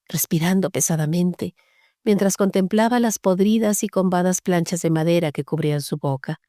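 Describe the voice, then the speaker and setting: A woman reading a horror story aloud as an audiobook narrator, steady and measured. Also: sits low, no room sound, studio quality.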